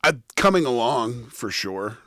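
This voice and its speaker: A man's voice: medium pitch, sing-song, measured pace, fairly bright tone, no echo, studio quality. A man co-hosting a podcast in casual chat, hesitant and searching for words. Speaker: podcast co-host.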